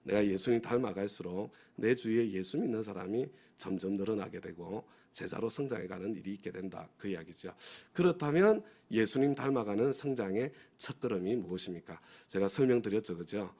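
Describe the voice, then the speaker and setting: Male pastor with a somewhat low voice; preaches a dawn sermon, has the congregation repeat phrases after him and keeps checking that they agree. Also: lively intonation, fairly quick, hardly any pauses, darkish tone. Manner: acts out inner voices of complaining people. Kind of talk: sermon at a dawn prayer service.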